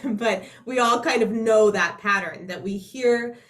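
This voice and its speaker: A woman with a nasal voice, explaining things as a voice teacher in a conversational, halting way and checking in as she goes. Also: medium pitch. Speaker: voice teacher, co-presenter.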